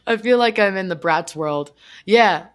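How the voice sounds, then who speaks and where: A woman's voice: medium pitch, a little slow, clean tone. A woman who is a guest on a casual podcast, playful and giggly.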